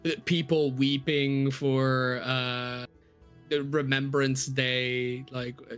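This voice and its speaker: A man at a tabletop game, joking around and playing up his character's moments. His voice sits at an ordinary pitch, and he speaks at an easy, slow pace. Faint music plays behind him. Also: level tone, fairly bright tone. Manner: playful and joking, hamming up his scenes. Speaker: player.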